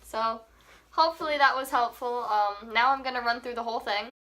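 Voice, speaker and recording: A woman's voice: on the high side, a little fast, pushed and bright. A young woman with a cold, her voice scratchy and cracking, chatting apologetically through a casual ukulele tutorial at home. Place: home room with air conditioning. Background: her own ukulele playing.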